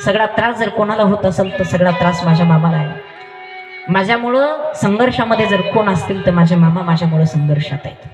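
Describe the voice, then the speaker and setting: A man's voice: high voice, a little fast. An emphatic male preacher delivering a devotional sermon in a sing-song, repeating cadence. His voice rings through an echoey room, with live music playing behind him. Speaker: kirtan preacher.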